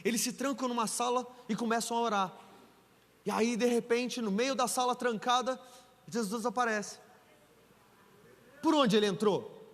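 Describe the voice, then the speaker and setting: A man's voice: very high-pitched, a bit bright. A man preaching a sermon as pastor, telling the story playfully and acting out the dialogue, in a large church hall. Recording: echoey church hall with long reverb.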